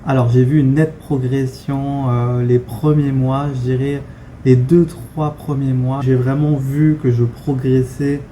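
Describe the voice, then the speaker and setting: A man's voice: medium pitch, little pitch movement, measured pace, warm tone, slight background noise. A young man from France chatting frankly in a casual vlog, with many fillers and restarts. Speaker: vlogger. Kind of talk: casual talking-head vlog.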